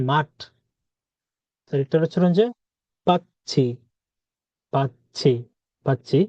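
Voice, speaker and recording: A man teaching a language lesson, saying words slowly and repeating them to drill their sounds. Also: on the high side, mellow, no room sound. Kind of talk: spoken lesson. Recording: dry, dull lo-fi sound.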